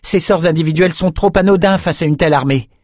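A quick-witted young woman mage, voiced by a man reading aloud, raised well above his own voice. She talks briskly and urgently to her friends. Her lines come across dry and close, with no room sound. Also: fairly high pitch, a little mellow, no echo, pitched above the performer's own voice, natural voice.

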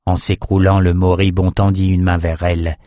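Low-voiced man reading a dark tale. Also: no echo, clean studio sound. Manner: steady, measured reading. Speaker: audiobook narrator. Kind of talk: scripted narration.

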